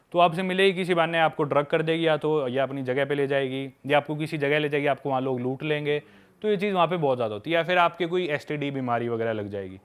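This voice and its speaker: A man's voice: on the high side, clear, resonant tone. A young man chatting casually on a podcast, telling candid travel stories and addressing the listener as a buddy. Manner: candid storytelling, calls listeners "bhai".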